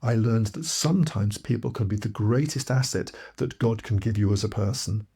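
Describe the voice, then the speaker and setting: A man's voice: lowish voice, normal speed, gravelly, dark tone, slightly rough. A man from Malawi, narrating his own audiobook in a reflective, earnest storytelling way. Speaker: author and narrator.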